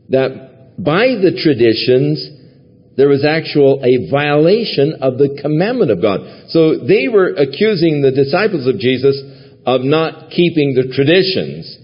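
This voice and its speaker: A man with a medium-pitched, breathy-edged voice preaches as a pastor in a church sanctuary. He teaches from the Bible in a conversational style, now and then chuckling, and the lo-fi recording has a long hall reverb.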